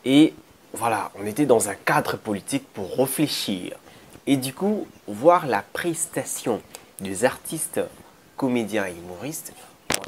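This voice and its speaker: A man with a Congolese accent giving spoken commentary as a presenter, halting and repeating phrases for emphasis. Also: fairly low pitch. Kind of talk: spoken commentary introducing a clip. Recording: faint background noise.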